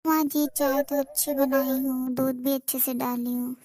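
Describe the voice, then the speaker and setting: Cartoon role: gentle deaf-ish young bride, high sweet voice, polite and earnest, voiced by a woman. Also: unhurried, no echo. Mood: cheerful. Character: kind, hard-of-hearing young daughter-in-law.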